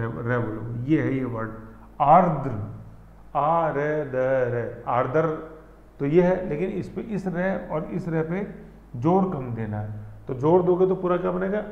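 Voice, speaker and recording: In a gravelly, somewhat high voice, a man teaches an exam-prep class, keeping it chatty and asking "thik hai" again and again. He breaks pronunciation down slowly into syllables. The sound is a dull, muffled lo-fi room recording with long reverb and echo.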